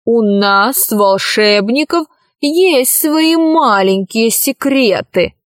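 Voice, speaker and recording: A woman voicing a cunning male vampire wizard in a storybook, with a slow, mocking drawl. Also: a little high, dry recording, clean studio sound.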